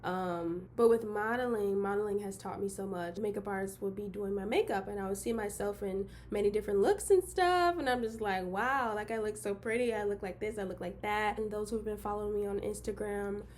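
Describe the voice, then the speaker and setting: A woman's voice: mid-range voice, fairly quick, few pauses, slight background noise. Bubbly young woman beauty vlogger. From Detroit, Michigan. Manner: bubbly and excitable, with giggly bursts. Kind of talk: casual intro vlog.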